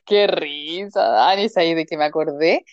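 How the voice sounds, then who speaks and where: A woman with a Chilean accent, co-hosting a casual chat and telling an expressive, giggly childhood story. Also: deep voice, a little slow, no room sound, dull audio. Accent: Chilean Spanish. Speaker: podcast co-host.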